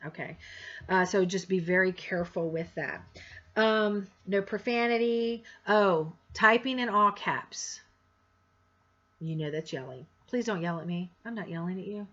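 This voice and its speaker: A woman's voice: medium pitch, unhurried, fairly bright tone, lo-fi sound. A woman instructor giving a course introduction in a frank, direct way with sarcastic asides. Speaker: college instructor.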